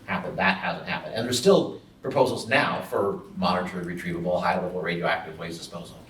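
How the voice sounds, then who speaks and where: Low-voiced man, distant and echoey. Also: fairly quick, fairly bright tone, slight background noise. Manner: thoughtful, with frequent restarts. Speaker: audience member. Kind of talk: asking a question at a panel. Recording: echoey room from far off.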